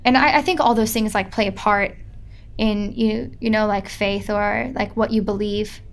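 A woman's voice: mid-range voice, fairly even intonation, moderate pace, a little hiss or hum. A young woman, chatting casually as an interview guest and filling her talk with "like". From Midwest United States. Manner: chatty, lots of filler "like".

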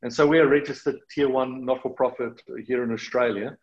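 Man, South African accent, middle-aged, earnest interview guest, restarts and fillers, mid pitch, slightly muffled audio. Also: fairly even intonation, brisk. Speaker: charity partnership manager, guest. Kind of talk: conversational interview.

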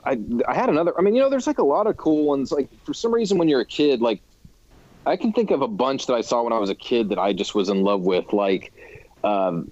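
A man in his thirties chats casually as a podcast co-host, wandering through his thoughts with plenty of restarts and fillers. His voice sits at an ordinary pitch. The sound is dull and lo-fi, with a dry, close feel. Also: a little mellow, no echo. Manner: rambling, many restarts and fillers. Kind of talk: casual chat.

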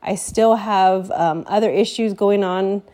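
A woman's voice: medium pitch, fairly even intonation, measured pace, mellow. A congested woman podcaster giving a candid, rambling personal update at home, with frequent fillers and restarts.

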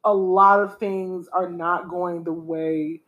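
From home, a woman co-hosts a podcast, chatting casually and animatedly with an opinionated edge and lots of "y'all." Her fairly low voice is steady in tone and a bit bright, and she speaks slowly. The audio is dull.

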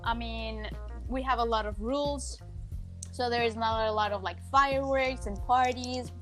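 Colombian woman, spanish first language, chatty, a bit high-pitched. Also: fairly even intonation, moderate pace, faint music behind. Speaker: guest. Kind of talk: casual chat.

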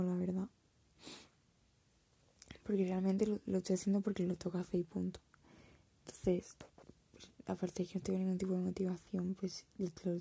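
Young woman in her twenties, mellow, husky whisper, hesitant confessional vlogger. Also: medium pitch, no echo. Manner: soft whisper, hesitant and reflective. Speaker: art student.

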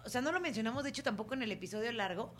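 A woman with a Mexican accent, hosting a podcast with relaxed, teasing banter. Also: fairly high pitch, racing, slight background noise. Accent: Mexican Spanish. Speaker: podcast host. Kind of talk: casual chat.

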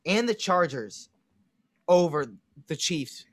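A man's voice: on the high side, lively intonation, slow, a bit bright, no room sound, studio quality. A man with a Chicago accent co-hosting a casual sports podcast, confidently analyzing teams and making predictions. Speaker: podcast co-host.

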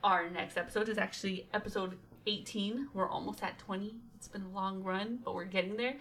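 A woman's voice: medium pitch, steady tone, a little fast, fairly bright tone, poor audio. A young woman hosting a casual podcast, chatting and rambling with lots of fillers and giggles. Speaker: podcast host.

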